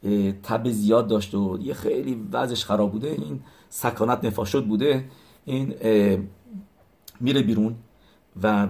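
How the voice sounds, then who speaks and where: Man telling a religious story haltingly. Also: lowish voice, a little mellow. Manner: halting, with many fillers and restarts. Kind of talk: retelling religious stories to listeners.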